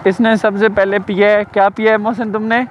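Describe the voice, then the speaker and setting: A man's voice: high-pitched, flat delivery, fairly quick. A young man from Pakistan with a Saraiki accent, chatting casually in a vlog and teasing his little brother as he rides a motorbike through town. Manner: teasing, repeats himself, calls out loudly. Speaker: motovlogger. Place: riding a motorbike outdoors in town. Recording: muffled with faint traffic noise.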